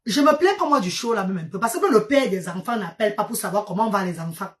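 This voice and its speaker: In quick, Cameroonian-accented French, this vlogger chats and tells stories to her followers, full of animation and exclamations. Medumba is her first language, and English words creep into her speech. Her voice sits in the mid-range, and she repeats herself.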